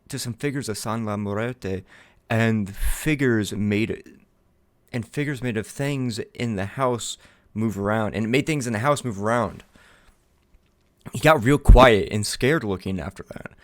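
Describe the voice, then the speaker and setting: Low male voice, casual profane let's play commentary, reads game text aloud, dry close sound. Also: no room sound. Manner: casual and profane, reacts out loud while playing. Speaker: gamer playing a horror game.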